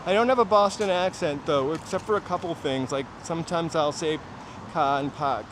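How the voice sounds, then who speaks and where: A man's voice: on the high side, fairly quick. A man from New Hampshire hosts a walking livestream outdoors, chatting casually in rambling asides to his viewers. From New Hampshire, USA. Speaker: walking-tour livestream host. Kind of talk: casual chat while walking. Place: outdoors on city streets, walking. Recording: outdoor street noise, passing vehicles. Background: traffic and urban ambience.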